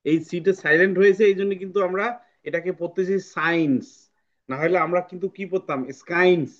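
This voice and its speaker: A man's voice: fairly high pitch, lo-fi sound. A man teaching an online English phonics class, patiently repeating words for drilling. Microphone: video call.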